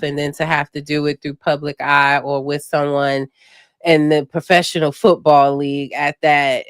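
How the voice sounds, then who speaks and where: A woman's voice: deep voice, clear, resonant tone, dry recording, clean studio sound. A woman, hosting a casual live chat and telling stories with laughter. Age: 30s. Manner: laughing, animated storytelling. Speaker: podcast host.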